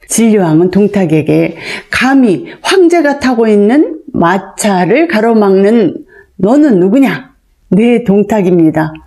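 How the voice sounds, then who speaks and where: An older woman spins an old tale in a homely, chatty manner. Her voice is mellow and warm, and her pitch rises and falls in lively swoops as she goes. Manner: homely, chatty storytelling that acts out characters' lines. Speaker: storyteller. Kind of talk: storybook narration.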